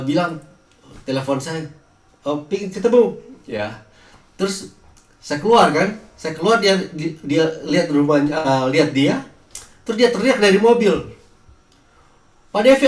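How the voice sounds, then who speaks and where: A man's voice: a little high, echoey room, recorded from a distance. A man preaching a sermon, telling healing stories with frequent restarts and hesitations. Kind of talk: sermon with personal healing testimony.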